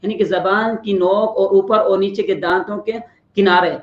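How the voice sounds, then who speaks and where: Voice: mid-range voice, fairly even intonation. Teacher drawing out letters in a roomy, dull recording. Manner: patient explaining, drawing out each letter slowly to demonstrate. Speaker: tajweed teacher. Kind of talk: Quran pronunciation lesson.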